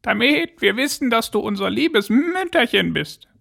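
Storybook goat kids, small and wary, shrill and lively. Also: male voice, measured pace, gravelly, full character voice. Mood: defiant. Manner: high squeaky falsetto. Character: seven frightened little goat kids.

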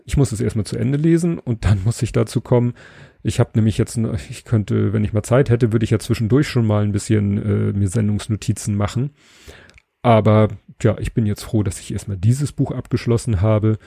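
A man hosting a podcast, giving a relaxed, casual spoken book review and pausing to search for words. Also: medium pitch, vocal fry, husky, dry recording, studio quality.

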